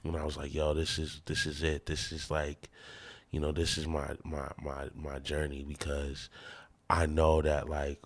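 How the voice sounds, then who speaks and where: A man's voice: very deep voice, completely flat delivery, unhurried. A man from the American Midwest, a musician guest talking in a loose, rambling, laid-back way on a casual podcast.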